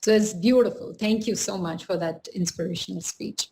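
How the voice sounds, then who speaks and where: A woman moderates a live webinar with plenty of enthusiasm. Her speech is halting and full of fillers, and her voice sits at a middle pitch. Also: a little mellow, a little hiss or hum. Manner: enthusiastic, hesitant with many fillers.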